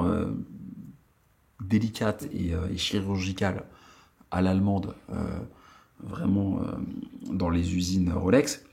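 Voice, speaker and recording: Male vlog host, late 30s, from France: gravelly fry, casual rambling delivery full of fillers, attic room. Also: sits low, darkish tone. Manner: rambling, many fillers and restarts. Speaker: watch channel host. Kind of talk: casual vlog talk to viewers.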